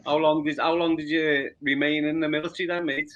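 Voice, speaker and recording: A man in his forties with a Liverpool accent, interviewing a guest with halting, repeated words. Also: on the high side, little pitch movement, a bit bright, highs cut off. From Liverpool, England. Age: 40s. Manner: repeats words, stumbles into questions. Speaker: podcast interviewer. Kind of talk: casual interview.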